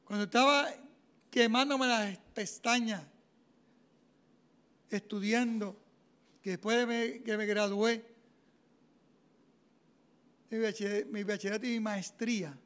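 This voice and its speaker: A man, preaching a homily as a deacon and telling his own story in an animated way, acting out the dialogue. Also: high-pitched, slow pace, long pauses, clear, resonant tone. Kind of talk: sermon with personal testimony.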